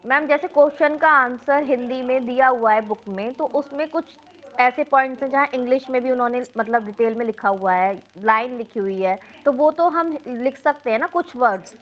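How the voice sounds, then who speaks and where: A woman's voice: high-pitched, moderate pace, highs cut off. A woman student asking her teacher a question in class, insistent and interrupting.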